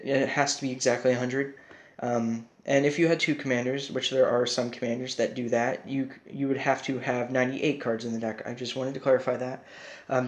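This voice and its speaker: A man with a whistling S sound, casually explaining a card game deck in an informal, slightly hesitant, self-conscious way. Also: mid-range voice. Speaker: trading card game hobbyist presenter.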